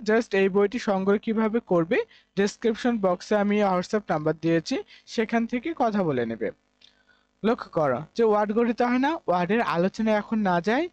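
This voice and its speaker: A man's voice: high-pitched, a little mellow, dry recording, dull audio. A man from Bangladesh, teaching English grammar in a classroom-style lesson, explaining step by step and repeating key points.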